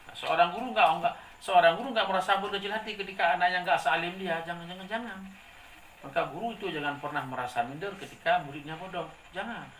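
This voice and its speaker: A male preacher giving a lively sermon, asking the congregation to complete his sentences. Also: high-pitched, fast. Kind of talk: sermon with call-and-response. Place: hall with a gathered congregation. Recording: echoey room, distant mic, faint noise.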